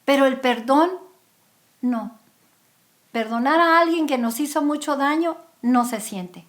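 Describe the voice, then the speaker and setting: A woman delivers a sermon in a church service. Her voice sits a little high, and she tells the parable with feeling, acting out the pleading and the anger of its characters. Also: a little slow. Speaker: preacher.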